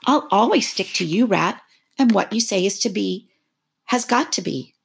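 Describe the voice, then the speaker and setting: A woman's voice: mid-range voice, lively intonation, normal speed, vocal fry, breathy edge, pitched above the performer's own voice. Woman doing a meek, loyal little Mole. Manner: gentle, eager, wistful.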